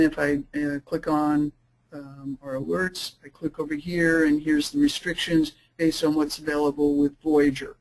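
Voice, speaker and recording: A woman presenting a software webinar, explaining features casually with frequent fillers and restarts. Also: low-pitched, low-quality recording. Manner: says she is talking too fast. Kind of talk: screen-share product demo.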